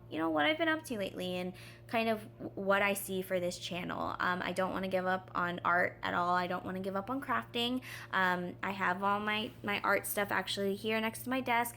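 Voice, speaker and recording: A woman's voice: medium pitch, slight background noise. A young woman chatting casually from her bedroom in a vlog, filling her talk with ums and likes. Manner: chatty, relaxed, lots of fillers. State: out of breath. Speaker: vlogger.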